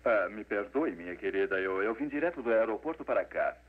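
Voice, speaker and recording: An actor dubbing a suave baron in an old film, with a slightly hesitant way of talking. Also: male voice, on the low side, expressive, fairly quick. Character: smooth charming baron, husband. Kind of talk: 1940s Brazilian Portuguese film dub. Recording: tinny old film dub.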